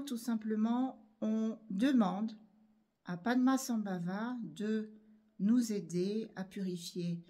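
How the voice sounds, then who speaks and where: A middle-aged woman slowly explains a mantra as a Buddhist teacher, measured and calm, pausing often with small fillers. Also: medium pitch. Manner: slow, measured, with many pauses and fillers.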